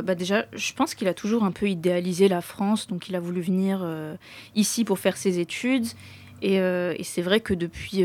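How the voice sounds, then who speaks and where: A young woman talking in a relaxed, chatty way during a casual group discussion. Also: lowish voice. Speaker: discussion co-host.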